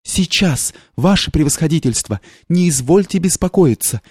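A man's voice: mid-range voice, animated, slow pace, darkish tone, no room sound, studio quality. A man voicing a timid, frail young clerk with anxious, eager-to-please cries. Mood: servile.

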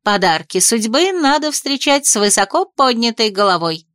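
Woman as a smug inner voice; sarcastic, gleeful, a touch higher. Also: very animated, normal speed, fairly bright tone, no room sound, studio quality. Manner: sarcastic, teasing.

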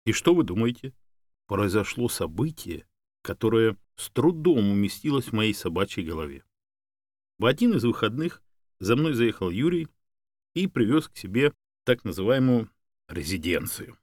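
A man narrating a story in the first person as a devoted, wry dog, in an expressive, conversational way. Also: on the low side, moderate pace, no room sound.

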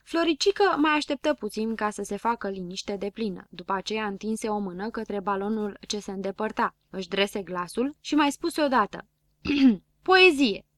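A woman narrating a children's storybook in a lively storytelling manner. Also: mid-range voice, hardly any pauses, no echo, studio quality. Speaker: audiobook narrator.

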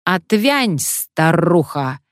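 A woman voicing a cheeky, pushy old male parrot with a hoarse, croaking, drawn-out voice, in an audiobook story. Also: fairly low pitch, lively intonation, no room sound, clean studio sound.

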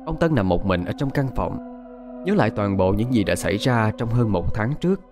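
A man narrating a dramatic folk tale in an expressive storytelling style. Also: fairly low pitch, a little fast. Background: faint music.

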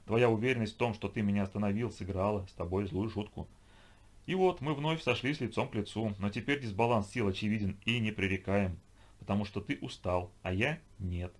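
A man voicing a calm, contemptuous inhuman twilight creature that taunts its human enemies. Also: on the low side, fairly quick, close to an everyday voice. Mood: coldly mocking. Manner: calm, mocking, superior. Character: cold, contemptuous inhuman twilight being, female.

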